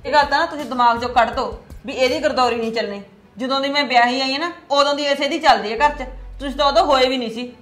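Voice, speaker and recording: A woman playing a protective, quick-talking mother. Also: sits high, fairly bright tone, soft background music. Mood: worried. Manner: pleading, protective. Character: anxious protective village mother.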